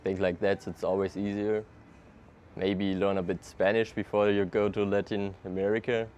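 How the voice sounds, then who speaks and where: This lo-fi clip, carrying a slight hiss or hum, features a young German-accented man answering a casual street interview in English outdoors in a city. He's a traveler with a fairly low voice and moderate pace, laid-back and quick to laugh, his English loose and non-native.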